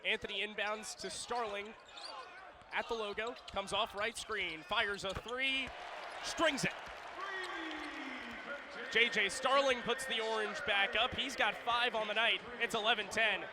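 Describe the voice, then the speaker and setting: A man calls basketball play-by-play on the radio in clipped, descriptive phrases, punching up the big plays. His high voice holds a steady tone, unhurried with long pauses, over a noisy arena of bouncing basketballs.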